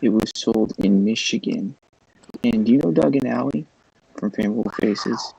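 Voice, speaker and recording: A man's voice: mid-range voice, moderate pace, creaky, mellow, slightly rough, dry recording, low-quality recording. A man chatting casually on a livestream, explaining things step by step. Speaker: livestream guest. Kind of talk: casual chat.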